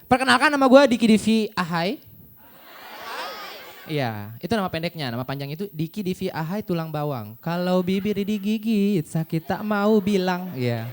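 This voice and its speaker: A man's voice: high voice, big pitch swings, moderate pace, crowd noise, background noise. A man doing a playful stand-up comedy set who breaks into dangdut singing between jokes. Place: comedy stage before a live audience.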